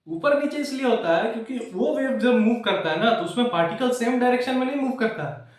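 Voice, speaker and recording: A man's voice: very high voice, animated, brisk. A man tutoring physics in a chatty, casual way, checking that students follow and wandering into jokes. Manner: digresses with jokes. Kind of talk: casual classroom lecture. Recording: echoey room, far from the mic.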